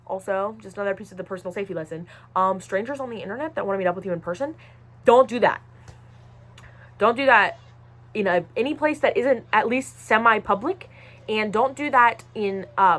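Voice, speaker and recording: Young woman vlogger, casual and animated, teasing lectures, phone mic, faint background noise. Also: medium pitch. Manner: chatty, playfully scolding, jumps to loud emphatic bursts. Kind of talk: casual unboxing vlog.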